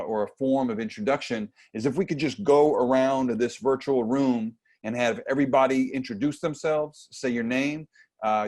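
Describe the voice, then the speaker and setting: A medium-pitched man in his forties leads a youth writing workshop over a video call from a home room with bookshelves. Using an earphone mic, he talks in a relaxed, conversational way with frequent fillers.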